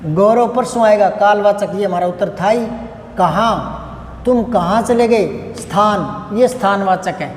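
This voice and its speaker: A man's voice: sits high, normal speed, a little hiss or hum. A male teacher giving a grammar lesson, working through each example by asking questions and answering them himself. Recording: echoey room with long reverb.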